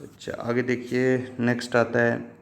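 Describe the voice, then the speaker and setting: A man's voice: mid-range voice, completely flat delivery, moderate pace, gravelly. A man teaching chemistry in a patient, repetitive way, asking questions and answering them himself and addressing his students fondly as children. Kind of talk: classroom lesson explanation.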